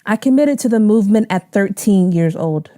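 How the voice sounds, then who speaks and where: A woman in her twenties from San Diego, an activist telling her story in an earnest, measured way. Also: mid-range voice, animated, mellow, no room sound, studio quality. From San Diego, USA. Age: 20s. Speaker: youth activist. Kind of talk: personal testimony interview.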